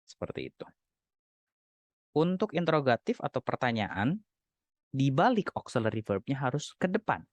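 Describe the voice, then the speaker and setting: A man's voice: medium pitch, sing-song, no echo. Indonesian-accented man teaching English grammar. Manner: explains patiently, slows down to model English example sentences. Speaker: university English lecturer. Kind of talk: recorded online lecture.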